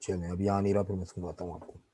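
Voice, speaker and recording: A man gives an online literature lecture in a low, mellow voice. He speaks at an unhurried pace, dropping in English terms and pausing to check that his students follow. The sound is close and dry. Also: flat delivery, breathy edge, no echo, low-quality recording. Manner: explanatory, keeps checking in with students. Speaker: literature teacher.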